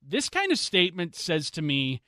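A man hosting a sports talk show, giving his opinions in animated, casual chat on a studio mic. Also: on the high side, moderate pace, no echo. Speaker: sports radio host.

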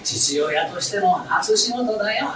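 A man's voice: high voice, animated, a little slow, distant mic. Man doing a coaxing young wife. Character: fussy young wife and new mother. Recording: roomy, noisy recital hall from afar.

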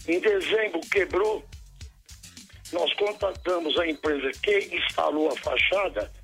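Gravelly man over the phone. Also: on the high side, measured pace, fairly bright tone, faint music behind. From São Paulo. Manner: plain, repetitive telling of a complaint. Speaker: listener caller. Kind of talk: complaining call to a live radio show. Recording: distant phone line on air.

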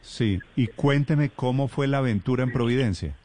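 A man's voice: medium pitch, moderate pace, warm tone, a little hiss or hum. A man hosting a live radio interview, asking questions with a lightly teasing manner. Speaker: radio host.

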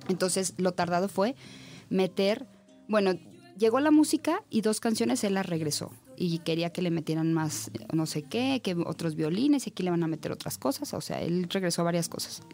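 A young woman singer with a Mexican accent, chatting as an interview guest and telling stories in a lively way, often laughing. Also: lowish voice, normal speed, faint music behind. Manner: lively storyteller, laughs often, acts out quoted dialogue. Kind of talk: casual interview chat.

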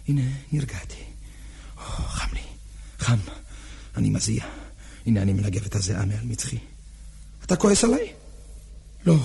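A man's voice: on the high side, gravelly, darkish tone, slight background noise. An actor playing an anxious, earnest man who pleads and rambles with nervous laughs in a stage drama. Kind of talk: theatrical drama acting.

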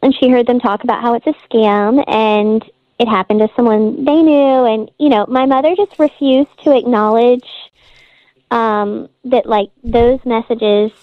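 A woman's voice: on the high side, fairly even intonation, measured pace, dry recording. A woman calling in to a radio show, her voice disguised by a morphing voice changer, talking hesitantly with many fillers. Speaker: radio call-in caller. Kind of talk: casual phone chat. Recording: dull lo-fi phone line.

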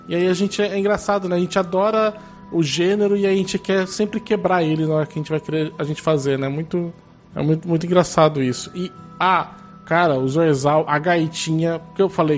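A man's voice: fairly high pitch, darkish tone. A man with a Brazilian Portuguese accent, co-hosting a podcast, laughing often and reading listener comments aloud. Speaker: podcast co-host. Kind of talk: casual podcast chat.

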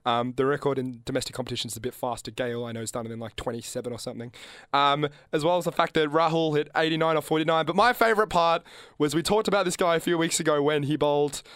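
Chatty man, slightly high voice. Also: fast, clear, resonant tone, no echo, studio quality. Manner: chatty, laughs often, animated when joking. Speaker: podcast co-host. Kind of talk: casual sports chat.

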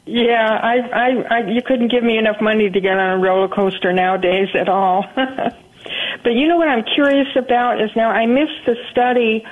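An older woman from Southern California calling in to a radio show over the phone, chatty and halting with many restarts. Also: fairly high pitch, fairly even intonation. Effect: heard over a phone line. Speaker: caller. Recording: tinny phone line.

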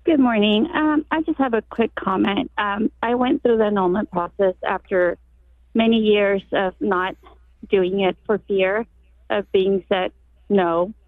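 A woman calling in to a radio show over the phone, sharing a brief, earnest comment with some hesitant pauses. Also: mid-range voice, steady tone, no room sound. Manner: earnest, encouraging, a little hesitant. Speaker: caller. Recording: tinny phone line.

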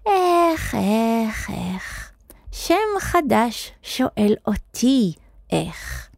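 A woman voicing an old, crooked, thin male wizard in a children's storybook, with a muffled, squeaky voice that barely moves the lips and a riddling, drawn-out singsong. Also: wildly swooping pitch, gravelly, no room sound, studio quality, heavily acted. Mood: sly, riddling. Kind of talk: storybook character voice.

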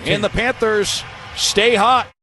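Male hockey radio caller, very high pitch, rapid excitable play-by-play, noisy arena behind him. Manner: excited, shouting on goals. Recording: radio broadcast over loud arena noise. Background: loud arena ambience.

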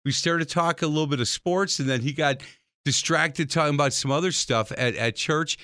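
A man hosting a radio talk show, telling stories in a lively, jokey way. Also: a little fast, no room sound, clean studio sound. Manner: animated, jokey, swings pitch widely when telling stories. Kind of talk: lively conversational storytelling.

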